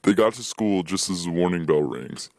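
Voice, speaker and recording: Deep-voiced young man reading a story. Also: animated, moderate pace, a little mellow, no echo. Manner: plain reading, voices dialogue with higher pitch. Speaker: student reading his own story. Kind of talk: reading a written story aloud.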